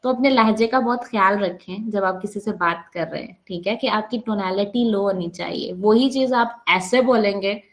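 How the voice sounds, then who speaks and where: A woman's voice: medium pitch, moderate pace, hardly any pauses. A woman with a Pakistani Urdu accent teaching an online workshop, explaining step by step, mixing English terms into her Hindi-Urdu and often checking in with her listeners. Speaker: psychology workshop trainer.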